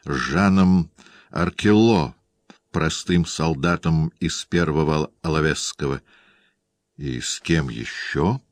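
Cool proud lady done by a male reader, quiet, clipped answers, deep dry voice. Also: slow pace, no echo, exaggerated voice. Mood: guarded. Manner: quiet, curt and controlled. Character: proud, guarded young noblewoman, cool and restrained.

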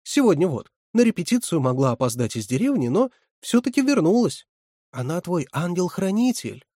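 A man voicing a young, bossy female camp counselor who scolds and commands, with a husky voice. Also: fairly low pitch, big pitch swings, normal speed, dark tone, dry recording, studio quality, voice pushed up. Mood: scolding.

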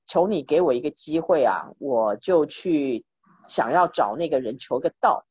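A woman's voice: low voice, animated, normal speed, darkish tone, slightly rough, no echo. A woman voicing a proud young monk who pleads for teaching, in a dull, dry recording. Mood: pleading. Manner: pleading, boastful then anxious. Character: proud young monk turned desperate disciple.

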